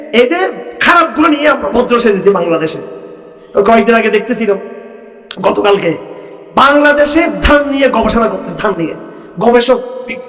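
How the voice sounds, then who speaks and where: A man preaching a fiery sermon, firing rhetorical questions at his listeners and breaking into shouts. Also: very high-pitched. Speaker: Islamic preacher. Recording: echoey hall sound from far off.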